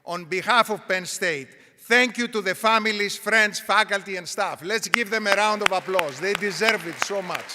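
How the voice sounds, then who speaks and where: A woman, a university provost, gives a measured, formal commencement speech from an auditorium podium. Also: mid-range voice, heavy background noise. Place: large auditorium. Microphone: podium microphone. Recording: auditorium with long reverb.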